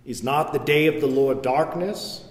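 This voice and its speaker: Male officiant, measured liturgical reading, cathedral echo with long tail. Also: a little high. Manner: slow, measured, intoned delivery. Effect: cathedral echo with long reverb. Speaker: priest leading a church service. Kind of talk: liturgical prayer and scripture reading. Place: large church. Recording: echoey large church hall.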